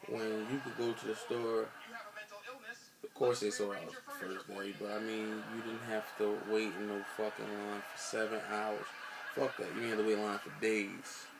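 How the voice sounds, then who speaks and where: A man's voice: on the low side, flat delivery, normal speed, creaky, crowd noise, rough recording. An American man in a casual rant to camera, blunt and emphatic, swearing heavily and repeating himself for emphasis. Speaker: sneaker vlogger.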